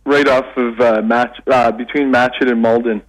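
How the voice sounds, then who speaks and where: A middle-aged Canadian man speaking over a radio phone line, his voice at an ordinary middle pitch. He talks in a halting, easygoing way, stopping and restarting as he gathers his thoughts. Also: fairly even intonation, slight background noise. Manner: halting, with many restarts and fillers. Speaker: radio guest, English lecturer.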